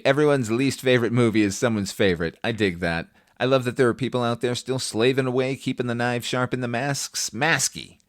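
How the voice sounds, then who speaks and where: Hosting a film review podcast, a man delivers a scripted yet conversational monologue, opinionated, wry, and casually profane. His medium-pitched voice is captured in studio quality with no echo.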